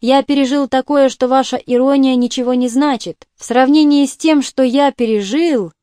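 A woman's voice: sits high, steady tone, normal speed, dark tone, clear, resonant tone, no room sound, close to an everyday voice. A woman voicing a hard-drinking, remorseful male army captain who pleads and rambles. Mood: rueful.

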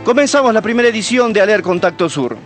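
A man presents a radio news program in a brisk, clear scripted style. His voice sits notably high for a man. Faint music runs underneath. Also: lively intonation.

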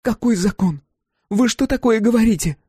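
A man's voice: high voice, moderate pace, darkish tone, husky, no echo, studio quality, voice pushed up. A man voicing an indignant, commanding woman who demands and scolds. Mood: outraged. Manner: outraged, demanding.

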